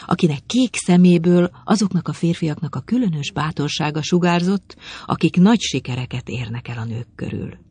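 Gravelly, husky storybook narrator. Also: medium pitch, darkish tone. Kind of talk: storybook reading.

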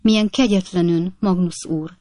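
A man's voice: high voice, steady tone, warm tone, no room sound, lightly acted. A man voicing a flustered, tearful middle-aged lady. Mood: distressed. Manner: hesitant, evasive. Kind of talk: audiobook character voice.

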